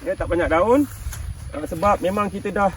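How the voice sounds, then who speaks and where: Out in his durian orchard, a Malaysian Malay man in his fifties talks casually with viewers of his farming channel at a moderate pace, laughing frequently and making sure they're keeping up. His voice is high, and the distant mic picks up a slight hiss or hum.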